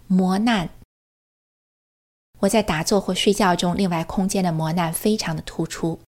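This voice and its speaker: A woman's voice: lowish voice, fairly even intonation, normal speed, darkish tone. A woman giving an earnest personal testimony, telling her story and quoting what others said to her. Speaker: religious practitioner sharing her experience.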